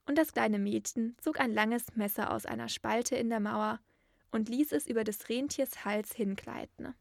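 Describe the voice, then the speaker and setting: A woman narrating a fairy tale in a steady storytelling manner. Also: on the high side, moderate pace, vocal fry, no room sound, studio quality.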